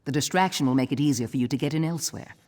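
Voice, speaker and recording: An actress playing a stubborn, sarcastic retired thief in a game cutscene, speaking in a dry, exasperated way. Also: female voice, rumbling low, very fast, a little mellow, big-room sound. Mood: sardonic.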